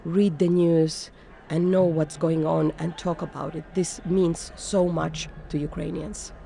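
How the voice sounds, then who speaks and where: A woman conductor from Finland, answering interview questions thoughtfully and pausing often with fillers. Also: low-pitched, steady tone, creaky, mellow. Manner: thoughtful, searching for words with frequent fillers. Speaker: orchestra conductor.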